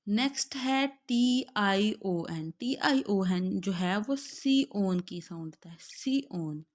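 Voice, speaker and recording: Slow, careful Pakistani woman teacher. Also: mid-range voice, animated. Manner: drawn-out, carefully spelled-out words, glossing each in Urdu. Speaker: German language teacher. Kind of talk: slow pronunciation lesson, repeating each word.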